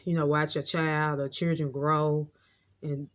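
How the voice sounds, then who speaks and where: Reflective woman with a flat, level voice. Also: deep voice, unhurried. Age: 30s. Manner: rambling, repeats "like I say" often; heartfelt, reflective. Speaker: vlogger. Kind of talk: casual storytime monologue.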